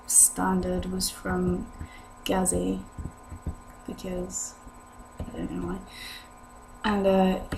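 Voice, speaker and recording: Her medium-pitched voice carries vocal fry and sits lower than usual because of a sore throat. The young British woman vlogs casually to camera, hesitantly rambling through viewer questions in a noisy home recording with hum.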